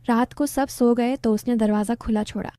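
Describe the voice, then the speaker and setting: A woman storyteller narrating a story in an even, plain way. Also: a little high, normal speed, no room sound.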